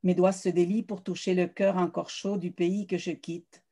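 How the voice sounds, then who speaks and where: Woman, poet reading her own work, even and level delivery, warm dark tone. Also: on the low side, normal speed. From South America. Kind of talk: poetry reading.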